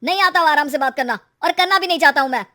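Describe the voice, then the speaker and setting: A woman voicing a young husband and shopkeeper who gets defensive and shouts when upset. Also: sits high, expressive, normal speed. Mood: angry.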